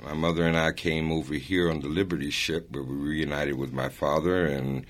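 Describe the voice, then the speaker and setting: Older male guest, extremely deep voice, rambling interview storyteller. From born in Italy, raised in New York. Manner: relaxed, rambling, with many "uh" pauses and chuckles. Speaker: guest singer.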